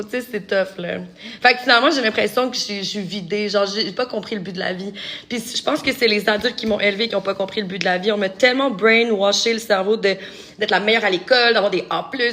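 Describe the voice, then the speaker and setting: Young woman, Québécois accent, casual vlog chat, self-mocking, slightly high voice. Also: bright, forceful tone. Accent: Québécois French. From Montreal, Quebec. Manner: chatty, self-mocking, frequent laughs and slang. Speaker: vlogger, real estate broker.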